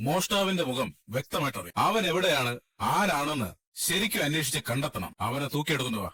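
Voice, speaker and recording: Brief: man as commanding police chief, husky bright voice, rapid orders. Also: a little high, lively intonation, no echo, exaggerated voice. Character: brisk senior police officer giving orders. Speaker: senior police officer.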